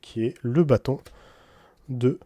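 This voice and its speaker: A man's voice: medium pitch, slow, warm tone. A man opening trading card packs in casual commentary, reading English card names aloud in a French accent with wry asides.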